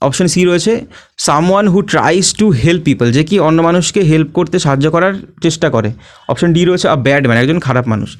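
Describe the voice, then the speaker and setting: A young man with a Bengali accent, teaching an exam-prep English lesson, reading the English slowly and explaining it in Bengali. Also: a little high.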